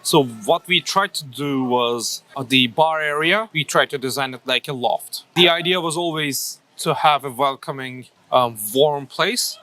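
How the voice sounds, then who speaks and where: A man's voice: mid-range voice, measured pace, few pauses, sharp tone. A man from Turkey in his thirties, a coffee shop owner answering interview questions thoughtfully, with many fillers and restarts.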